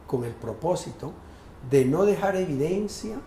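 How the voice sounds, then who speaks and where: A man in his sixties from Colombia's Pacific coast, telling a childhood story in a measured, articulate, lyrical way during an interview. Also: fairly high pitch, lively intonation, dark tone. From Tumaco, Colombian Pacific coast. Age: 60s. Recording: echoey room with faint background noise.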